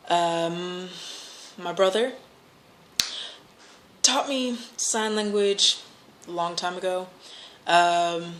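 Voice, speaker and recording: An American woman chatting casually and answering questions, rambling and hesitant as she corrects herself. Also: lowish voice. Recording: noticeable background noise.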